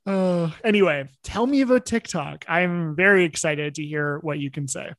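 A woman's voice: fairly low pitch, moderate pace, no echo. A woman co-hosting a podcast, telling a story in an amused, casual way. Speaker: podcast co-host. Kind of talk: casual chat.

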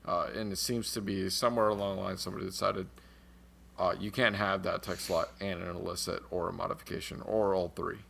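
An American man with a low, gravelly voice talks loosely on a podcast. He rambles through his points, restarts sentences and swears now and then, in relaxed podcast chat. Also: brisk, a little hiss or hum. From United States. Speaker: podcast co-host. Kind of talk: casual podcast chat about a tabletop game.

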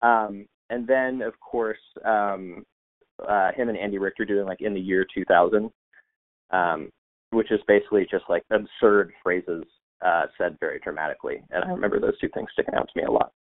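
A man's voice: lowish voice, lively intonation, moderate pace. A man from the United States, a podcast guest, chatting casually with many fillers and restarts over a remote call. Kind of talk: casual interview chat. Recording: tinny phone-like line.

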